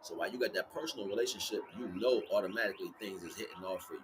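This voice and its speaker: A male livestream host speaks rapid-fire in a lowish voice against a noisy background outside. His spiritual talk is loose and casual, circling back over the same points and pausing often to make sure his audience is keeping up.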